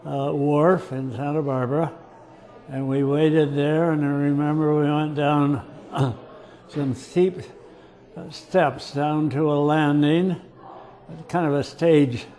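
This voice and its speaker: An older man slowly telling a childhood memory, halting and clearing his throat often. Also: fairly high pitch, level tone, warm tone. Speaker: storyteller. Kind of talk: casual storytelling.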